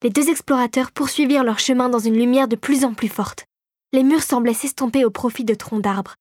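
Woman calmly narrating a storybook. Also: a little high, fairly quick, dry recording, clean studio sound.

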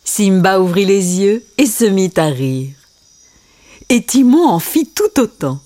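A woman reading a children's storybook aloud in a gentle, expressive way. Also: medium pitch, slow.

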